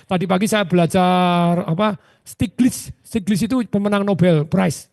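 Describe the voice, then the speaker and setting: Brief: male seminar speaker, lively with audience questions, high and gravelly voice. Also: measured pace, no echo, studio quality. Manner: animated, with frequent rhetorical questions to the audience. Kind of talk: motivational seminar talk.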